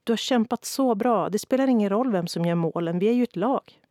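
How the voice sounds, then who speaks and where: A woman's voice: medium pitch, dark tone, no echo, studio quality, voice pushed up, natural voice. A woman voicing an eager, encouraging young girl on a children's football team in a storybook.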